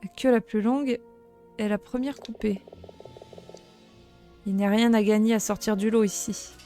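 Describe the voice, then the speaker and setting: A woman reading the lines of an earnest young male rat guard in a video game, in a plain, soft-spoken way. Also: medium pitch, fairly even intonation, normal speed, faint music behind, natural voice.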